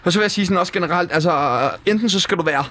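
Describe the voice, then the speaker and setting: A man hosting a comedy show, bantering in a deadpan, mock-serious way. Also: high voice. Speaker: host.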